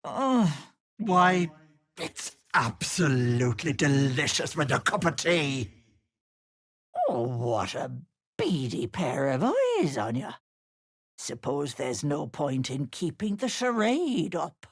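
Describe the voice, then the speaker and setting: An actress playing a sinister old hag who poses as a kindly auntie in a video game, cooing mocking endearments in a theatrical way. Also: female voice, sits low, very animated, slow pace, husky, full character voice. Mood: sly, mocking. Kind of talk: video game character acting.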